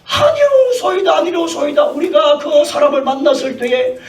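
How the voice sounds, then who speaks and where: A man's voice: very high voice, normal speed, distant mic, voice pushed up. A male preacher voicing frightened servants who plead with their king, whiny and near tears. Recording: echoey church hall, mic from afar.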